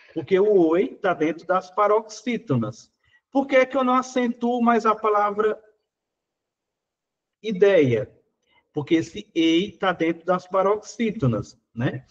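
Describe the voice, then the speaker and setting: A man's voice: high-pitched, animated, measured pace, long pauses, fairly bright tone, dull audio. A Brazilian Portuguese man teaching, working through exam questions in a casual, conversational way, full of little fillers.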